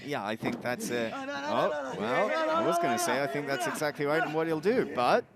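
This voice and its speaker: A man's voice: fairly high pitch, big pitch swings, moderate pace. A man giving color commentary on a wrestling match, breaking down holds and technique in an analytical way. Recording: loud arena crowd and noise.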